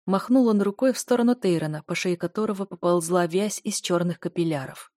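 A woman's voice: on the low side, fairly quick, a little mellow, no echo, studio quality. Woman narrating a fantasy audiobook.

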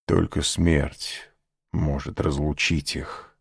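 A man's voice: a bass voice, little pitch movement, takes it slowly, vocal fry, husky, dry recording, studio quality, full character voice. A man voicing a pale, trembling, lovesick young man who speaks in a despairing, grim way. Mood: grimly resolute.

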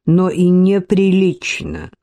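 A reader playing an icily formal gentleman in a period romance audiobook, speaking slowly on a level, measured tone. The voice sits a little lower, dark and mellow, dry. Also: steady tone, no echo. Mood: icy. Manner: slow, level, icy. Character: cold, composed older gentleman, icily formal.

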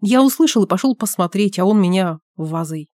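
A man's voice: high voice, expressive, a little fast, warm tone, no room sound, clean studio sound. A woman voicing a sullen, reluctant private detective who answers in short, curt lines. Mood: exasperated. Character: gruff reluctant private detective, man of few words.

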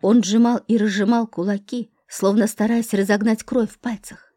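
A woman reading a dramatic novel aloud as an audiobook narrator, in a steady voice. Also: mid-range voice, moderate pace, no room sound, clean studio sound.

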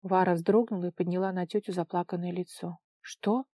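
Lady reading an audiobook, dramatic, warm mellow voice, dry close sound. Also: lowish voice, fast talker, breathy edge, dry recording. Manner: expressive, dramatic storytelling. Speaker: narrator.

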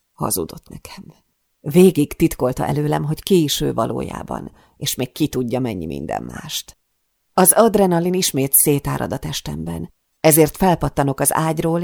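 A woman narrating a first-person audiobook with dramatic, breathless delivery. Her voice carries a strong gravelly fry throughout. The recording is dry and close, with no room sound. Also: low-pitched, a little mellow, no room sound.

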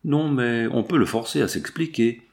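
A man's voice: medium pitch, animated, moderate pace, creaky, darkish tone. A man voicing a young noblewoman in an audiobook, pleading and pressing with questions. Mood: insistent. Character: young noblewoman, hurt and insistent. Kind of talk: audiobook character voice.

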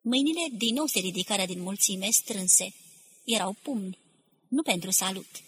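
A woman narrating an audiobook in a steady, measured reading. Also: mid-range voice, breathy edge, no echo.

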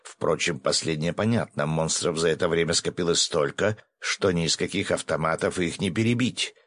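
Low-voiced guy reading a first-person action audiobook, dry close sound. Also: moderate pace, a bit bright, no echo. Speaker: audiobook narrator. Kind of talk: first-person fiction narration.

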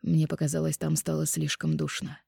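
Lady doing a soft low young guy, tender and quiet, warm mellow sound. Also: level tone, moderate pace, creaky, husky, no echo, clean studio sound, full character voice. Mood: tender hushed. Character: protective young man, low-voiced and calm.

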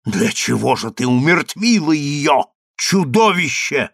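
A brutal, imperious vizier barks orders and accusations, voiced by a male reader. The voice is loud and commanding, lifted a little above the reader's plain tone, in a dry, close recording. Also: a little high, sing-song, a little slow, creaky, no echo, full character voice. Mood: raging. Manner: roaring, commanding. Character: imperious, brutal vizier, a middle-aged man quick to rage.

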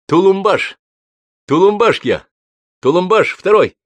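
A man voicing a boisterous horse husband who repeats his loud exclamations. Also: fairly low pitch, steady tone, moderate pace, dry recording, natural voice.

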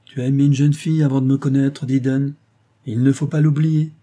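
A man voicing a noble young wife, gentle but resolute, in an audiobook reading with an earnest, solemn manner. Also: mid-range voice, flat delivery, brisk, pitched above the performer's own voice, close to an everyday voice.

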